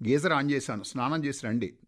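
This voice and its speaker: A man voicing a caring young wife who fusses over her husband in soft, coaxing speech, within a radio story reading. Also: mid-range voice, fast talker, natural voice. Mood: fond coaxing.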